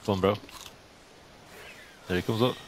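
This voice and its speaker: A young man giving casual game commentary, chatting to the animals in the game and getting jumpy and excitable. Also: lowish voice, normal speed. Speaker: gaming YouTuber. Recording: faint hiss.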